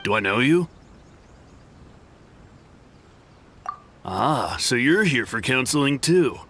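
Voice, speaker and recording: An actor playing a touchy, devoted follower of a spiritual healer in a video game, emphatic and fervent, with faint rumbling noise. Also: male voice, big pitch swings, moderate pace, fairly bright tone, breathy edge, exaggerated voice. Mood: indignant.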